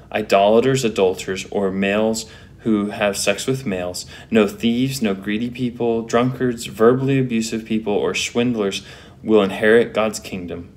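A man preaching a sermon as pastor, reading scripture and pressing home repeated rhetorical questions with emphasis. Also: on the low side. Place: church. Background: faint air-conditioner hum.

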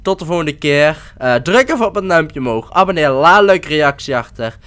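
A man giving casual commentary while playing a game, excitable and often swearing or exclaiming. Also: on the high side, normal speed, smooth. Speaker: let's-play gamer.

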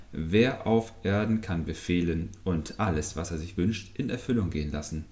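A meek but stubborn magic fishing hook pleads with its master in a storybook tale, as a man reads it out. The voice is deep and low, and it sounds humble and begging. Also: a little mellow.

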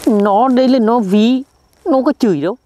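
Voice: medium pitch, moderate pace, warm tone, no echo, natural voice. A performer playing a boastful, dim-witted old village man, who answers back in a blustering, defensive way.

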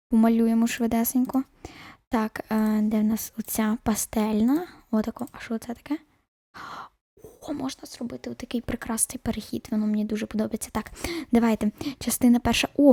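A woman's voice: fairly high pitch, fairly even intonation, fairly quick, mellow, no room sound, clean studio sound. A woman chatting to her viewers while she plays a baking game, sometimes dropping into a whisper. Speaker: gaming video host. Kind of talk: casual gameplay commentary.

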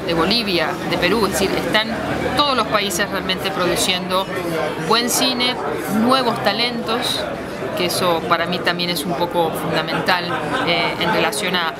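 A woman's voice: fairly low pitch, fairly even intonation, measured pace. Woman in her forties, festival programmer, interviewed outdoors with crowd noise all around, close camera. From Argentina. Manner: thoughtful, with many restarts and repeated words. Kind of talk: interview answers. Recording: loud crowd noise behind.

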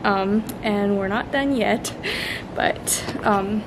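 Young woman vlogging over loud road noise. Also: mid-range voice, very slow. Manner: chatty, upbeat, with frequent fillers. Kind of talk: casual travel vlog. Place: in a car, outdoors on ice, and in a living room. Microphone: handheld camera at arm's length.

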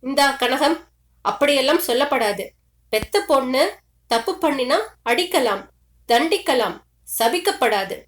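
A woman's voice: on the high side, expressive, a little slow, roomy sound. A woman voicing a weary older man who soothes and advises in a resigned tone. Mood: firm.

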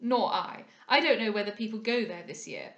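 For a dramatised audiobook, a woman voices a smug, self-satisfied, foppish male captain whose pompous, affected speech is peppered with French words. Her mid-range voice has lively intonation at a normal speed, close to her everyday voice. The sound is roomy, with the highs cut off.

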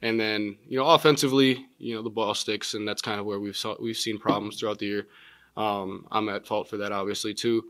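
A young man in his twenties, a college basketball player answering postgame press questions in a measured way with many filler words, seated at a table mic in a press room. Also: fairly low pitch, steady tone, a bit bright, no room sound. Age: 20s. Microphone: table mic in front.

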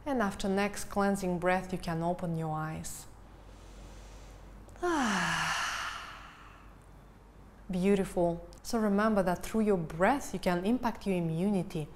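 A woman in her thirties giving a guided breathing lesson in a calm, instructional manner. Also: on the low side, normal speed, few pauses, slight background noise. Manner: calm, instructional, counting and cueing. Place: living room, indoors. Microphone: lavalier lapel mic.

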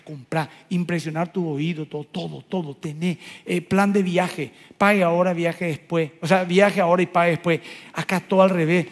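A male pastor delivers an animated sermon in a fairly high voice. He swings between loud, emphatic bursts and soft, hushed lines. The sound rings with the long reverb of a large church hall. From Paraguay. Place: church auditorium.

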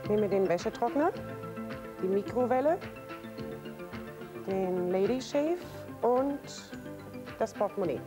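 Slow, lively-pitched woman game show contestant. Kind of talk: short, deliberate answers. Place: television game show studio. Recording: loud music, TV studio broadcast.

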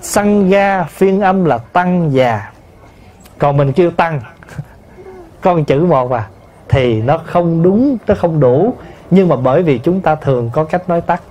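Slow-speaking monk teaching. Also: male voice, fairly high pitch, animated, warm tone, lo-fi sound. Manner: slow, explanatory, addresses the assembly, repeats terms to teach pronunciation. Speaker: Buddhist monk giving a dharma talk. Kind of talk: sermon answering a listener's question.

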